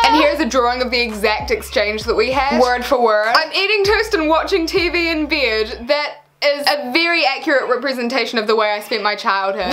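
A teenage young woman reading her old diary aloud in a casual vlog, embarrassed and self-mocking, with theatrical emphasis on the read-out lines and dry commentary. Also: high voice. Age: teens, about sixteen. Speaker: vlogger. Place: small bedroom, indoors.

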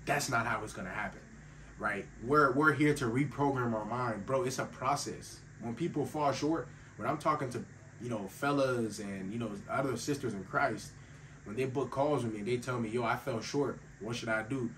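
A man's voice: mid-range voice, normal speed, fairly bright tone. Young man, earnest self-improvement vlogger, voice a bit under the weather, recorded somewhat off-mic with light ambient noise. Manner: earnest and emphatic, calls listeners bro and fellas. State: voice a little sick. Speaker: faith-based self-improvement YouTuber. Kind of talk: casual motivational talk to camera. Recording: slightly distant mic with faint ambient noise.

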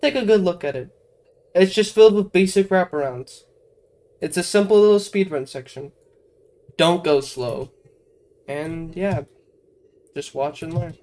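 Game music sits behind a casual commentator guiding viewers through a walkthrough with informal chatter and self-mocking jokes. The voice is medium-pitched and a little mellow, unhurried and frequently pausing.

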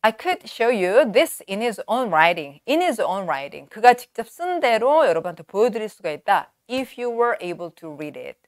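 A woman in her forties teaching in a studio, reading passages slowly and clearly, then explaining in quick asides. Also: mid-range voice, sing-song, dry recording. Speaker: English teacher. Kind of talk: lecture on a novel, reading lines aloud and explaining. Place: studio with a virtual backdrop. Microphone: lapel mic.

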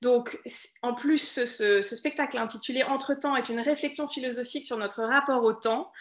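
A woman's voice: a little high, moderate pace. French woman pianist on a video call. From France. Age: 30s. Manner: thoughtful, many hesitations and restarts. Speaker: concert pianist. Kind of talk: remote interview. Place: room at home with bookshelves. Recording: echoey room over music.

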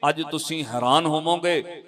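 A man's voice: on the high side, normal speed, fairly bright tone. A male Sikh preacher telling a moral story in a sermon, emphatic and repetitive, speaking to the congregation.

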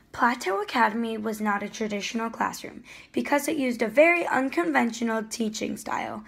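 A woman's voice: a little high, vocal fry. A teenage girl earnestly reading explanatory narration for a school history project. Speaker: student narrator.

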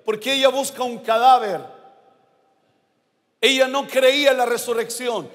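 Chilean pastor guy preaching, really high voice, slow and emphatic, bursts into shouts, big echoey hall. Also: fairly even intonation. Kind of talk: sermon. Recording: long hall reverb.

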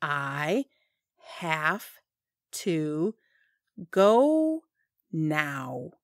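A woman's voice: sits low, sing-song, drawn-out words, dry recording, studio quality. A woman teaching English phrases, saying each one whole, then word by word. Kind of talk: slow repeated phrase drilling.

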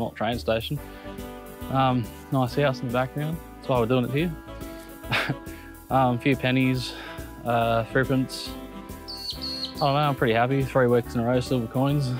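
Out on a grassy park lawn, a thirty-something Australian man chats with viewers while metal detecting, excitable and quick to laugh at what he digs up. His medium-pitched voice is picked up by an action camera worn on his body or placed on the ground.

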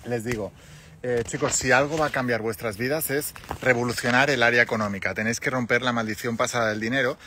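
Spanish-accented man in his forties, outdoor phone selfie, energetic persuasive money mentor. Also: mid-range voice, fast talker, noisy background. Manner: enthusiastic, persuasive, many tag questions. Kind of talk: selling a mentorship on a live stream. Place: outdoors on a hillside with sea views. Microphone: phone at arm's length.

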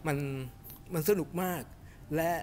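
A middle-aged man giving a casual, animated film review to camera in a cinema lobby, chatting with lots of fillers. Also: measured pace, a little hiss or hum. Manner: chatty and animated, refers to himself by nickname, many fillers. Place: cinema lobby in front of a movie poster, indoors.

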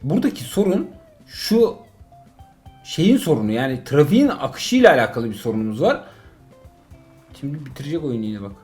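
A middle-aged man, a father, playing a mobile driving game with his son and commenting casually, excitable and exasperated by turns, full of jokes. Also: medium pitch, fairly quick, pauses often, soft background music.

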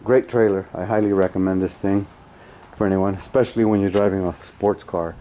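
A man giving a casual spoken product review outdoors on a driveway, halting with many fillers and restarts, blunt in his opinions. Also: low-pitched, steady tone, dark tone, slight background noise.

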